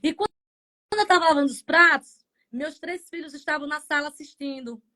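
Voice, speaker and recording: A woman pastor with a Brazilian Portuguese accent gives a fervent faith testimony on a live stream. Her voice sits high, and she moves between loud cries and soft passages. She is heard through a phone or video-call microphone. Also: a little fast.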